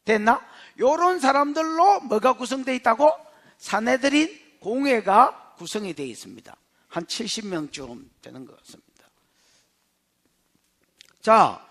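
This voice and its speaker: A man's voice: very high voice, a bit bright. A man preaching an expository sermon as pastor, quizzing the congregation and acting out little dialogues. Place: church sanctuary.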